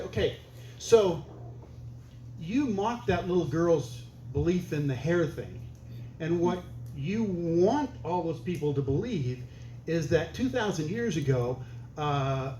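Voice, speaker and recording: A man doing stand-up comedy, telling a story in a dry, conversational, punchy way. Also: high-pitched. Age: older. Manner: deadpan, conversational, punchy delivery. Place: comedy stage before a laughing audience. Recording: echoey club room, faint hiss.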